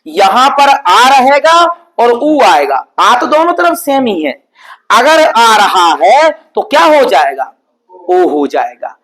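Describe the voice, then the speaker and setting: A man teaching an exam-prep grammar lesson at a board, explaining patiently and repetitively, sounding out example words slowly and often checking in with his students. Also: very high-pitched, big pitch swings, a bit bright, poor audio. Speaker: Sanskrit teacher.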